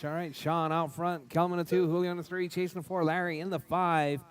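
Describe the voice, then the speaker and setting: A man's voice: fairly high pitch, level tone, fairly quick, clean tone. A man giving live race commentary like a spotter, in repetitive clipped calls of running order and cautions. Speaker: race announcer.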